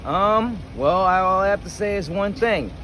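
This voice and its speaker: A man with a high-pitched, bright voice speaks forcefully at a normal speed, chatting casually as a music fan interviewed at a show. He sounds hesitant and often repeats the question before answering. Traffic noise fills the busy city street around him.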